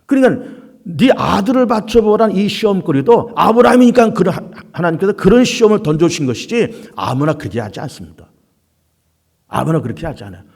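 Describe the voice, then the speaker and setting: A middle-aged man preaches to his congregation, acting out the voices of the passages he quotes. His pitch is slightly high and swings widely as he builds emphasis. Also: quick pace. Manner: animated preaching, acts out quoted dialogue. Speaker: pastor. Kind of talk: sermon.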